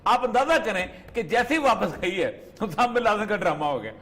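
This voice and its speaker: A man analyzes politics on a TV talk show. His voice sits high and swings widely in pitch. He gets animated and slips into other voices when he quotes people. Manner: animated, acts out quotes with voice changes. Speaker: political analyst, program's regular guest. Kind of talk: studio talk show discussion. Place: TV studio.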